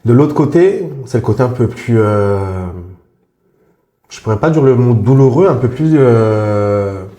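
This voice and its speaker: Expressive and unhurried, this Congolese man in his forties has a medium-pitched, dark voice. As a podcast guest in casual interview talk, he discusses his life hesitantly and informally, with many fillers and restarts. Faint music and a roomy echo fill the recording.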